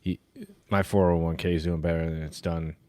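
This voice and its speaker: A man in his forties co-hosting a political chat podcast, forceful and indignant, his voice rising when worked up. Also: low voice, little pitch movement, fairly quick, dry recording. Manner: forceful, indignant, gets loud. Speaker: podcast co-host.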